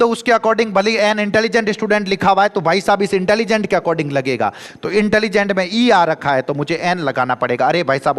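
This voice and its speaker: A man with a Rajasthani accent teaching English grammar for exam prep in an animated, rhetorical-question style that slips into dialect. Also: a little high, long reverb tail. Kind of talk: classroom grammar lecture.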